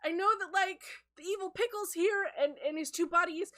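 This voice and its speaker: A nervous young cartoon character, voiced by a woman, stumbling over words in a flustered rush. The voice sits high and bright, full of restarts and stammers. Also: moderate pace.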